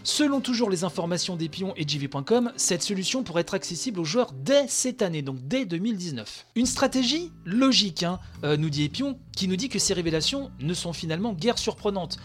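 A man's voice: sits high, sing-song, fairly quick, hardly any pauses, soft background music. A man hosting a solo podcast, talking through news in a chatty way, with many fillers while reading and quoting an article. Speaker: podcast host.

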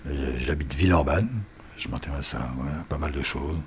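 A man in his fifties introducing himself calmly and listing his interests. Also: rumbling low, normal speed, slight background noise. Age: 50s. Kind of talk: self-introduction.

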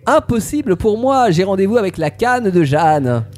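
A man voicing a fussy male duck in a told fairy tale, his voice pushed up and excited. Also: sits high, normal speed, soft background music.

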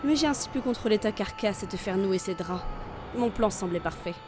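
A cruel seductress, played by a woman, sardonic and coldly mocking, speaking in a mid-range voice. She sounds calm and in control, every line laced with contempt. Audio drama. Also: mid-range voice, fairly quick, background noise, lightly acted. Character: cruel, mocking seductress who wants her lover dead.

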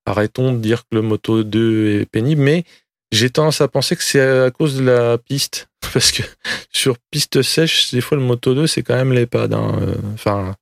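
Guy doing motorsport commentary race recap, slangy and jokey, bit of gravel, no room echo. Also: mid-range voice, normal speed, studio quality. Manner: colloquial, joking, slangy.

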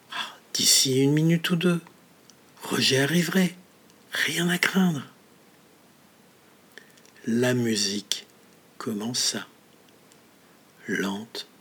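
Slow, husky male storyteller. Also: mid-range voice, fairly bright tone. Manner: measured, often dropping to a whisper. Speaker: narrator. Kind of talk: audiobook story reading.

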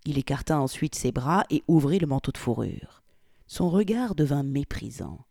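Low-voiced woman reading a novel. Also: expressive, normal speed, gravelly, warm tone, no echo, studio quality. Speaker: audiobook reader. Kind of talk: scripted narration.

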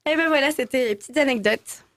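A woman's voice: sits high, fast talker, fairly bright tone, no echo. A woman co-hosting a radio show, chatting and presenting little trivia facts. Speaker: radio co-host. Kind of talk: casual radio banter.

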